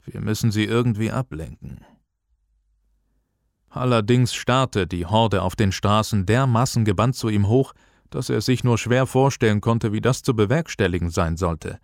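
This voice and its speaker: A man narrating an audiobook in a measured, calm storytelling voice. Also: fairly low pitch, no room sound, studio quality. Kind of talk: scripted narration.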